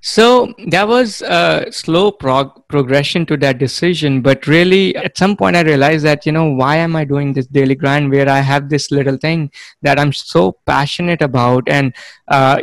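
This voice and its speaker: A man, a podcast guest telling his story in a measured way with many fillers. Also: a little high, gravelly, no room sound. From India. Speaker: guest, real estate fund manager. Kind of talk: conversational interview.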